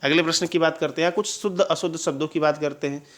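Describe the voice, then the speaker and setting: A man teaching an exam-prep Hindi lesson, drilling correct spellings and checking with quick questions. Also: on the high side, steady tone, fairly bright tone. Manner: drills answers with repeated questions and "clear?" checks.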